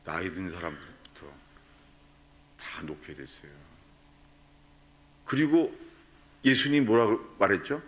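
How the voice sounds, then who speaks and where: A man's voice: deep voice, very animated, slow pace, long pauses, a bit bright. A man preaching a sermon at a prayer retreat, asking the congregation questions and acting out quoted voices. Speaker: pastor.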